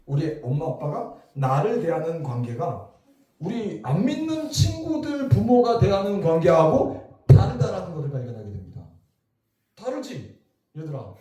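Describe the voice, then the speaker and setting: A middle-aged man preaching a revival sermon, his mellow voice swinging up and down as he questions the congregation. The sound is very echoey, picked up from some way off the mic. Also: a little high, moderate pace, far from the mic. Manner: lively, talks to the crowd with questions. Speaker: pastor. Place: church hall.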